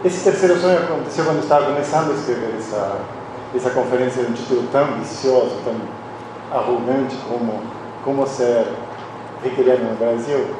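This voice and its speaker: A man's voice: mid-range voice, fairly quick. Man lecturing in a very echoey hall. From Argentina. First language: Spanish. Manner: reflective and confessional, with frequent restarts. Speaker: conference speaker, philosophy professor. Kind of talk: personal academic lecture. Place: university conference hall. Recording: very echoey hall, voice from a distance, audible background noise.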